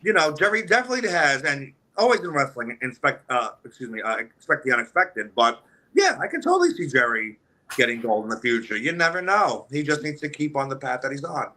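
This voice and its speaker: A man with a sharp, bright tone talks as a guest on a radio show. He rambles, restarts his sentences, and leans on "you know" as he praises and sizes up wrestlers. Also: mid-range voice, big pitch swings, brisk. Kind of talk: casual interview talk. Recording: remote call audio.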